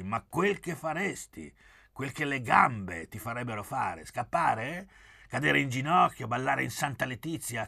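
A man's voice: medium pitch, gravelly, bright, forceful tone, breathy edge, dry recording, clean studio sound, voice pushed up, heavily acted. A man voicing a cheerful, needling young man in a literary audiobook, pressing with teasing questions.

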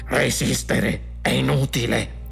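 A man voicing a slow-witted, brutish male alien guard who talks bluntly and growls his words. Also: mid-range voice, fairly even intonation, creaky, a bit bright, faint music behind, heavily acted. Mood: dull, blunt.

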